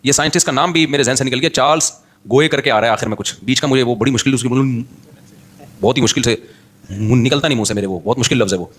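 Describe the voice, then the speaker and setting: A man giving an Islamic sermon, talking in a chatty, animated way, slipping in English words and reciting Quran verses in Arabic. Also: medium pitch. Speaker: Islamic preacher.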